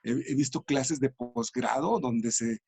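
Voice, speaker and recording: A man's voice: medium pitch, unhurried, a little mellow, husky, no echo. A man explaining language and communication in an interview, thoughtful and full of small restarts. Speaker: education and language researcher.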